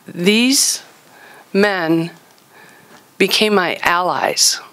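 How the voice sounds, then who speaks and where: A woman on a panel reflecting on her career, choosing her words carefully and pausing often. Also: on the low side, a bit bright. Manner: hesitant, careful, many pauses.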